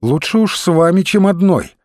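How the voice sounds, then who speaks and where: A man reading an audiobook, voicing a brisk, bossy young woman who gives firm orders. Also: lively intonation, darkish tone, dry recording, studio quality. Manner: raised pitch, firm and commanding.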